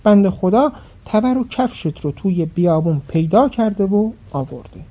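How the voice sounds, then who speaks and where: A woman's voice: medium pitch, lively intonation, warm tone, natural voice. A woman voicing a worried, fatherly old male tailor, on a dull lo-fi recording. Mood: concerned. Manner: fretful, fatherly.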